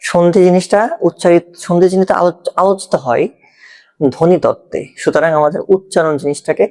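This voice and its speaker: A man's voice: sits high, fairly quick, a little mellow. A man with a Bangladeshi Bengali accent teaching an exam-prep grammar lesson, explaining step by step and often checking if the learner follows.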